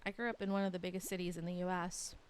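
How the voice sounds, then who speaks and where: A woman's voice: fairly low pitch, flat delivery, very fast, clean tone. A young woman with a light Texan accent, chatting casually and rambling with her livestream viewers. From Texas. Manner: rambling, chatty, lots of "like" fillers. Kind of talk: casual chat with stream viewers.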